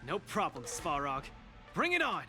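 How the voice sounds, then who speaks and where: A man's voice: fairly high pitch, wildly swooping pitch, moderate pace, over music. A man voicing an earnest, spirited, good-natured young fighter in a video game. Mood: determined.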